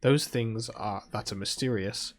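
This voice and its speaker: A British-accented gaming video host reads visual novel text aloud, tossing in casual asides in a soft-spoken, relaxed, ASMR-like style. His voice is lowish and his pace a little slow.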